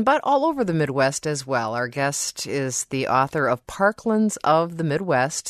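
A woman hosting a radio call-in show with a smooth, polished radio host delivery, reading promos and introducing callers from a studio microphone. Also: low-pitched, dry recording.

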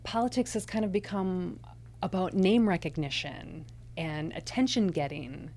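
A woman giving a live interpreter voice, speaking aloud for deaf speakers in the first person. Her voice sits a little low, and her delivery is measured and deliberate, with some rephrasing. A faint hum runs under her voice. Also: darkish tone. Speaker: sign language interpreter.

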